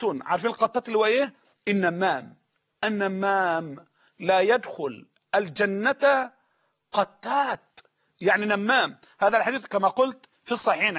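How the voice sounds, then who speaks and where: A man preaching a sermon-style lesson with an Egyptian Arabic accent, emphatic, slowing down to repeat sayings so listeners can write them down. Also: high voice, fairly bright tone, dull audio.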